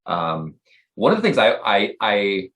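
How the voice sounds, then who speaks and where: Low-voiced man musing on faith. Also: sing-song, measured pace, a bit bright. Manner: thoughtful, rambling with many fillers. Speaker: life coach and co-host. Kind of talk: casual faith-based podcast talk.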